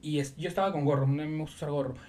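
A man's voice: a little high, rapid-fire. A man co-hosting a casual podcast, telling stories and acting out what other people said. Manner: lively storyteller who acts out quoted speech. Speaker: podcast co-host.

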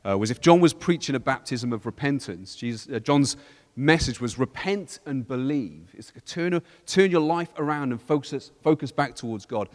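A man's voice: medium pitch, expressive, moderate pace, a little mellow. Male church leader, casual Bible study talk, explanatory, reverberant room. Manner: explanatory, with frequent restarts and quoted scripture.

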